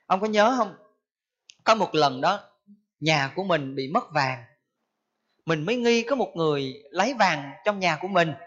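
A man's voice: a little high, expressive, normal speed, pauses often, fairly bright tone, pitched below the performer's own voice. A man voicing a sorrowful blind dead wife who pleads with her husband, on a dull lo-fi recording. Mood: pleading.

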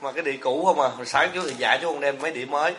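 Here a man whose voice sits on the high side, fairly bright in tone and rapid-fire in delivery, preaches a funny sermon as a Buddhist monk teacher. He teases the crowd, cracks jokes, and asks them rhetorical questions, all captured in an echoey hall.

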